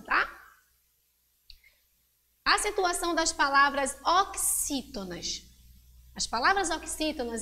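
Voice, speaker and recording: A Brazilian woman teaching a grammar lesson to children, patiently explaining and slowing down to spell out example words. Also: sits high, fairly bright tone. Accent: Brazilian Portuguese.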